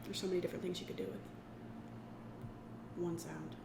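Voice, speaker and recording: A woman's voice: lowish voice, level tone, brisk. A young woman in her twenties, a podcast guest chatting casually, playful and chiding. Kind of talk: casual chat. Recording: echoey room with clear noise.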